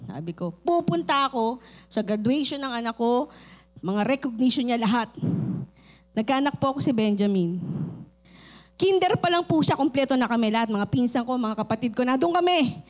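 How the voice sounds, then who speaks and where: A middle-aged woman pastor with a Filipino accent, preaching a sermon and telling lively personal stories. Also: fairly high pitch, moderate pace. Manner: animated storytelling, acts out quoted voices.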